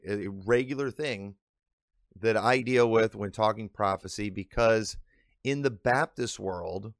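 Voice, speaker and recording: A man's voice: on the low side, no echo, clean studio sound. A man from Illinois, a pastor hosting a podcast and teaching in a conversational monologue. He is earnest, often restarts his sentences and stretches out the words he wants to stress. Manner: earnest, with frequent restarts and drawn-out emphasis.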